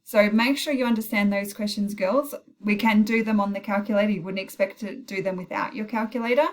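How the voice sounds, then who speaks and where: A woman's mid-range voice, fairly even in intonation and a little fast, guides an informal recorded maths tutorial. She talks herself through the calculator steps, correcting mistakes and apologizing briefly. Heavy rain is coming down outside.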